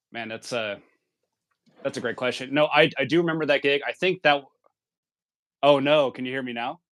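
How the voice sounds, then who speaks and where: A man being interviewed over a video call, his audio breaking up and dropping out as he talks in halting, restarting bits. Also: mid-range voice, a bit bright. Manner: halting, restarts mid-sentence. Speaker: interview guest. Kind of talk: casual conversation.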